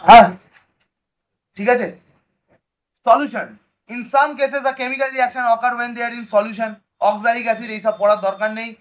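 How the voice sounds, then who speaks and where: Male chemistry teacher, high voice, lively classroom explainer, dull lo-fi sound. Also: takes it slowly, pauses often. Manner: lively, coaxing, keeps checking students understand. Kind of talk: classroom lecture.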